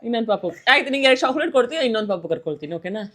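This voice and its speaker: Lively high-voiced mother teasing playfully. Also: racing. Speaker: vlogger and mother. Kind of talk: casual family vlog chat. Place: at home.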